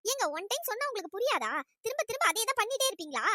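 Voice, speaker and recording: A shrill, fiery cartoon college girl. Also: very animated, bright, forceful tone, a little hiss or hum, full character voice. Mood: annoyed scolding. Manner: scolding, exasperated, rapid-fire complaints. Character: fiery young female college student. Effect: pitch-raised voice. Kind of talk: cartoon voice acting.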